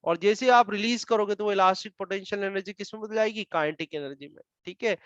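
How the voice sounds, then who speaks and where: High-voiced Indian man teaching physics. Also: fairly bright tone, no echo. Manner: explains slowly, repeating terms, dictates English definitions word by word. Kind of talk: classroom lecture. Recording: dull muffled dry sound.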